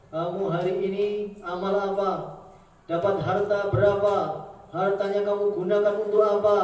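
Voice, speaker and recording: High-voiced preacher in an echoey hall. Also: male voice, darkish tone, distant mic. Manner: dramatic storytelling, chanting Arabic phrases, voicing characters. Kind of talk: sermon. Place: mosque or prayer hall. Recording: very echoey room, voice from afar.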